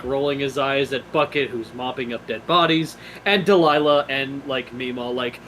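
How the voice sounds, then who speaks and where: A man's voice: medium pitch, fairly bright tone, slight background noise, rough recording. A man narrating a tabletop role-playing game as game master.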